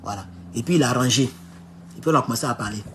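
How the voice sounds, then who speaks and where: A man's voice: mid-range voice, quick pace, a bit bright, a little hiss or hum. A man from Côte d'Ivoire with an Ivorian French accent, telling a personal story as a political vlogger and giving emphatic warnings to his audience. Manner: emphatic, warning tone, with English phrases mixed in. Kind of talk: casual storytelling monologue.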